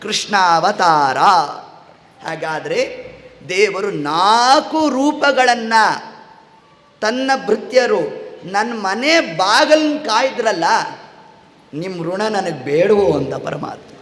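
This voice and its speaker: A man with a high voice gives a slow devotional discourse. He poses questions and then answers them, and he acts out the lines of the story's figures. His voice rings with the long reverb of a hall. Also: expressive, fairly bright tone. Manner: asks the audience questions and answers them himself. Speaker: religious discourse speaker.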